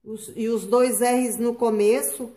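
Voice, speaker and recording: A woman teaching children a spelling lesson, patient and slow, drawing out words and checking in with "tá?" and "né?". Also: fairly high pitch, steady tone, dark tone. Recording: echoey room.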